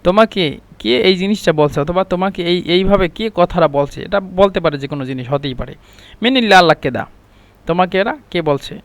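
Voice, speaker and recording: A man's voice: high-pitched, expressive, fairly quick, no echo. A man teaching Arabic phrases in a spoken lesson, explaining patiently and saying each phrase several times over.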